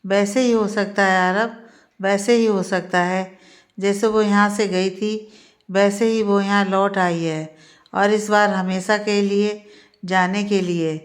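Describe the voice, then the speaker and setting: A woman's voice: medium pitch, steady tone, takes it slowly, lightly acted. A woman voicing a stern, reproachful middle-aged mother in a spoken Hindi storybook, repeating her claims insistently.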